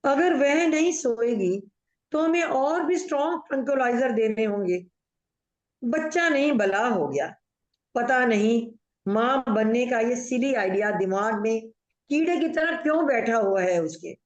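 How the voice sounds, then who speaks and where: A woman's voice: on the high side, animated, a little slow. Woman playing a bossy gossipy aunt. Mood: scolding. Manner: mixes Hindi with English, gossipy storytelling. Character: chatty, bossy middle-aged aunt, fussing over family. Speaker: aunt in a Zoom play. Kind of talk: amateur stage acting over video call. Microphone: video call audio. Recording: echoey room, dull muffled audio.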